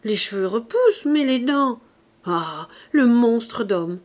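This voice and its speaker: A woman reading an audiobook, voicing a proud, excitable young seamstress in high, loud outbursts. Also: normal speed, lightly acted. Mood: indignant.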